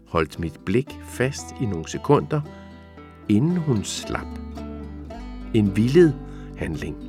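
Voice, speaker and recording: A man giving a measured, steady reading of a literary passage. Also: lowish voice. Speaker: reader.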